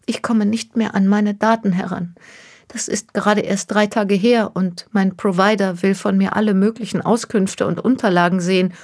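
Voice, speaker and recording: A woman's voice: medium pitch, steady tone, normal speed, darkish tone, pitched above the performer's own voice, natural voice. Woman voicing a distraught young woman near tears. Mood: explaining. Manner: pleading, close to tears. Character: young woman, distraught, stranded by a cruel hoax.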